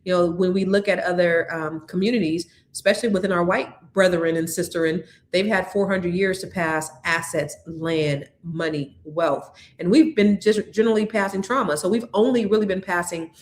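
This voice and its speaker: A woman in her fifties hosts a live money podcast, chatting casually and speaking straight to her audience in lively, slangy talk. Her lowish voice moves at normal speed with hardly any pauses, and the sound is roomy.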